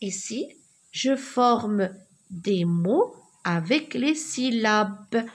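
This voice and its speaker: A woman teaching a slow spelling and writing lesson, saying words letter by letter in clear, deliberate diction. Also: a little high, lively intonation.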